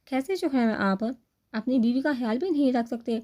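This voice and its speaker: A woman's voice: fairly high pitch, lively intonation, warm tone, voice pushed up, close to an everyday voice. A woman voicing a blunt young woman who scolds a husband, in a storybook reading. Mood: scolding.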